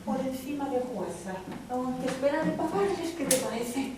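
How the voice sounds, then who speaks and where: A woman on an amateur stage playing a fiery, indignant wife who wants rid of her husband, loud and mocking. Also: high-pitched, animated, normal speed. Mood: suspicious. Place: community centre stage. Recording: echoey stage from far off, noisy.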